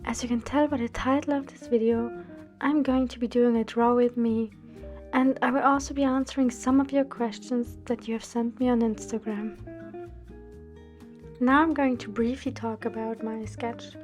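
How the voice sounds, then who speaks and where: Young woman, somewhat high voice, careful scripted voice-over, soft guitar music faintly behind. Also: moderate pace. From Austria. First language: German. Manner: careful, steady, read-out delivery. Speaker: art student and drawing channel host. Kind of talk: scripted voice-over narration for a drawing video.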